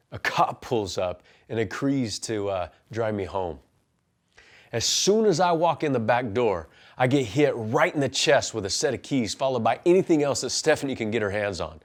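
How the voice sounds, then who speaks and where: This man in his forties is a life coach and pastor who earnestly shares his own story before moving into punchy motivational advice. His mid-range voice is expressive and his pace moderate.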